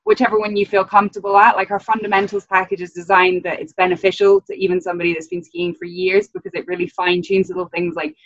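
A woman's voice: mid-range voice, expressive, fast talker, creaky, hardly any pauses, no room sound. Chatty young woman on a video call. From Britain. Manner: chatty, many "um" and "like" fillers, laughs often. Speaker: guest, ski coach. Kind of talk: casual interview on a video call. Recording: dull lo-fi video call audio.

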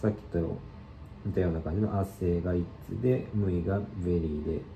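Low, dark-voiced man teaching a lesson. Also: a little fast, echoey room, highs cut off, faint music behind. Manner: relaxed explanatory, many fillers. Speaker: Spanish teacher. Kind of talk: casual language lesson.

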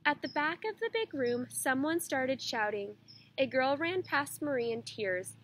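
High-voiced woman reading a storybook. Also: animated, a little slow, a bit bright, a little hiss or hum. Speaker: teacher reading aloud. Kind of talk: reading a children's picture book aloud.

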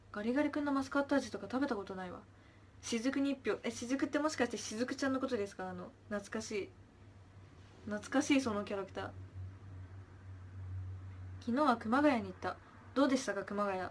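A young woman, an idol, chatting casually on a livestream, reading viewer comments aloud, chirping thanks and trailing off into soft murmurs. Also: medium pitch, slight background noise.

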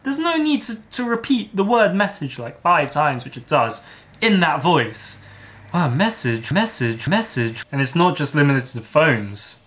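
A man's voice: a little high, very animated, normal speed, a bit bright. A teenage boy vlogging a casual, sarcastic comic rant with jumpy swings of emphasis.

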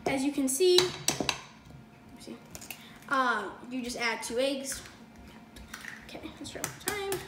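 A young woman hosts a casual home cooking video, chatty and upbeat, with a high, animated voice. She takes it slowly, pausing often, and fills her talk with fillers and self-corrections. It was recorded on a phone camera across the counter in an echoey, noisy kitchen.

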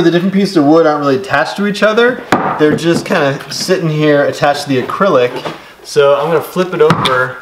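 A middle-aged man walks through a DIY build in a relaxed, step-by-step way, dropping casual fillers as he goes. His voice sits a little high for a man. The sound is roomy and echoey, with clear noise from the garage workshop behind him. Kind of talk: casual how-to instruction. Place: home woodworking garage workshop.

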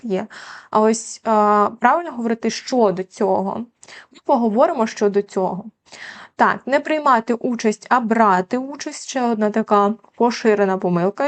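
A young woman tutor explaining common word-usage mistakes to students, patient and full of filler sounds. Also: fairly high pitch. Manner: patient, many filler sounds and tag questions. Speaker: Ukrainian language tutor. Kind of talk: explaining grammar lesson.

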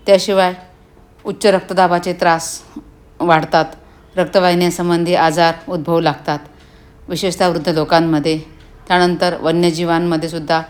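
Woman host, low voice, earnest explainer listing points, echoey room. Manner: earnest, lists points one by one, small restarts. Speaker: health channel host. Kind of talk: explanatory health talk.

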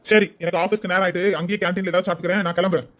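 A woman voicing a curt young husband rushing to the office in a cartoon. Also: fairly low pitch, steady tone, no echo, voice pushed down, lightly acted. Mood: reproachful. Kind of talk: cartoon voice acting.

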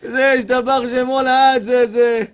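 A man's voice: very high voice, clean tone. A man giving a humorous sermon as a rabbi, telling stories animatedly and acting out other people's voices. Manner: animated comic storytelling, acts out women's voices.

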